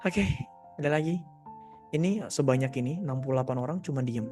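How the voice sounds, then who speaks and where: Man, live Q&A mentor, casual, direct, medium pitch, faint background music. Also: fast, warm tone. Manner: casual, direct advice-giving, mock voices when quoting. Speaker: Islamic youth mentor answering questions. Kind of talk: live Q&A session, reading viewer questions.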